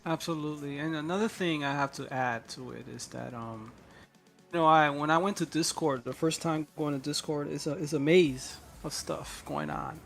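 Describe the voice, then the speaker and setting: A man joining a live trading stream in casual chat, agreeing softly and adding his own points. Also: on the high side, normal speed, gravelly, faint music behind. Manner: agreeable, soft-spoken asides.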